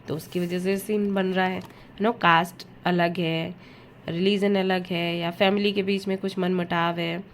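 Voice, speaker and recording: A woman's voice: medium pitch, slight background noise. A woman giving a casual tarot reading. She speaks straight to the listener and slips English words into her talk. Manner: chatty, addresses viewer directly, mixes English words into Hindi. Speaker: tarot reader.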